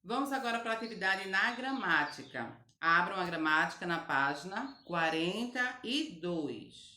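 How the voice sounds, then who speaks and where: Slow, patient woman teacher. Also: fairly low pitch, lively intonation, pushed and bright, roomy sound. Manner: slow, patient, spelling out each word for children. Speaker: primary school teacher. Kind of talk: recorded remote grammar lesson.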